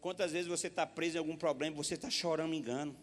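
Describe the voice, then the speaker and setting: High-voiced preacher in a reverberant church. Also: male voice, fairly even intonation, fast talker, slight background noise. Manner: folksy storytelling, often says "meu irmão"; swells to loud exhortation. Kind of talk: sermon.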